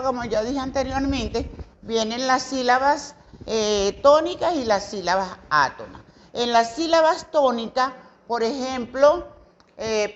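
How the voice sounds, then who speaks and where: The audio is dull, and the woman's voice is on the high side. A Venezuelan teacher, she leads a recorded grammar lesson for children, going over example words patiently and occasionally hesitating with fillers or correcting herself.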